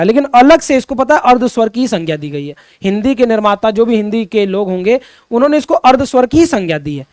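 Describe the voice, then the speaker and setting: A man's voice: very high voice, no room sound, studio quality. A man teaching Hindi grammar to students in an online lesson, often repeating his questions and calling his students children. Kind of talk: classroom-style online lesson.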